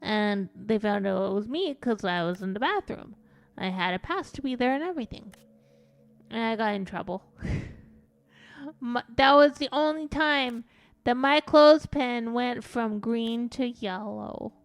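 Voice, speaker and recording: A woman's voice: fairly high pitch, lively intonation, a little slow, no room sound. A woman streaming a game as a VTuber, rambling through a casual story and swearing now and then. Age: adult.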